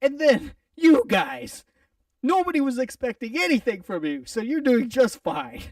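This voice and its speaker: A man co-hosting a casual football prediction chat, playful and theatrical, swinging from loud outbursts to mutters. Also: high voice, vocal fry, no room sound, recorded from a distance. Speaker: podcast co-host.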